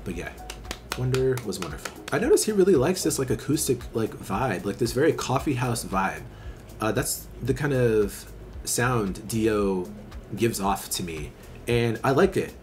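A man's voice: medium pitch, animated, measured pace, a little mellow, faint music behind. A middle-aged man casually chatting his reactions as a video host, enthusiastic and full of fillers like "like" and "uh". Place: small home studio with neon light.

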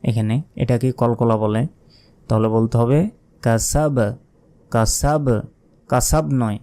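A man gives a slow, careful recitation lesson, his voice mellow and smooth. He breaks each word down and then chants the verse stretched out in a raised tone. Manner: explains slowly, then chants verses drawn out and higher. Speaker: Quran recitation teacher.

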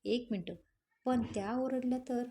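A woman's voice: on the high side, measured pace, warm tone. A woman reading the part of a playful, sulky young husband who pleads with his wife.

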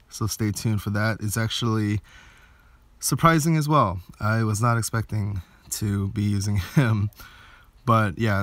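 His voice sits on the low side with a fairly bright tone, and the recording has no room sound. This gaming video host narrates game footage indoors, giving a casual walkthrough, explaining as he goes and thinking aloud, backed by game music.

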